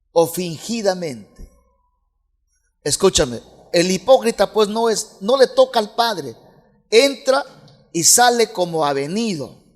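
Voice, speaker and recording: A Peruvian man preaching as a pastor, moving between soft, low passages and loud, shouted peaks. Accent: Peruvian Spanish. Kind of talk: sermon. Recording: hall reverb.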